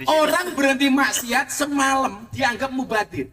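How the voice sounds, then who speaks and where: High, bright joking male preacher. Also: measured pace. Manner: joking, storytelling, playful asides. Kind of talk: comic sermon to a crowd. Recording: distant mic with faint noise.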